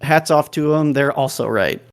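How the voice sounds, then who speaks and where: A man's voice: a little high, normal speed, vocal fry, clear, resonant tone. Man musing thoughtfully on a podcast. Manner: reflective, heavy use of "like". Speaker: podcast panelist. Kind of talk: casual chat.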